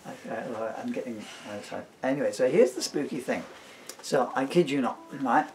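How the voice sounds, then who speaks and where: Through a camera mic with a little hiss or hum, a middle-aged British author, father and stage performer reads his own comic pieces and chats casually. His medium-pitched voice moves at a moderate pace as he rambles and digresses playfully.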